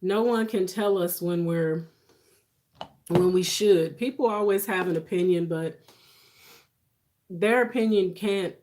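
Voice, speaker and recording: Low-pitched woman in her forties, chatting casually. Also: darkish tone. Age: 40s. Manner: reassuring, conversational advice-giving. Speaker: livestream host. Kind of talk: casual livestream chat with viewers.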